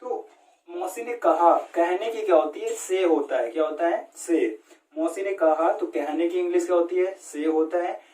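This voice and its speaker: A man's voice: a little high, normal speed, darkish tone. Male language teacher, storytelling lesson, mixes Hindi and English, roomy off-mic sound. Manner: asks and answers his own questions, mixes Hindi and English. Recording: roomy echo, distant mic.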